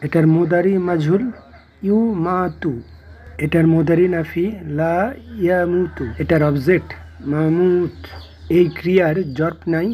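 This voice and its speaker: Male grammar teacher, dark husky voice, measured list-like delivery that walks through each form patiently. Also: on the high side. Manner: measured, explains each form and then glosses its meaning; recites word forms in short phrases like a list. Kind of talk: step-by-step grammar lecture.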